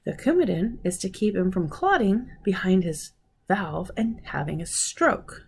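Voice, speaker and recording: A woman's voice: mid-range voice, a little slow, slight background noise. Ranting woman in her forties. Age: 40s. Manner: animated storytelling, acting out quoted conversations; frustrated, ranting. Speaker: vlogger. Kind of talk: casual chat.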